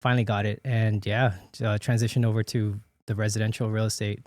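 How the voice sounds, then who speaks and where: A man's voice: fairly low pitch, flat delivery, fast, darkish tone, no echo. A man in his late thirties, born in the Philippines and raised in Hawaii, telling his story as a podcast guest in a loose, chatty way full of fillers and restarts. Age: late 30s. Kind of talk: casual conversational interview.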